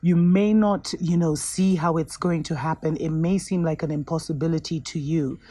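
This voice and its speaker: Woman host, slightly husky, earnest and unhurried, gently encouraging spiritual talk. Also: deep voice, steady tone, no echo. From Kenya.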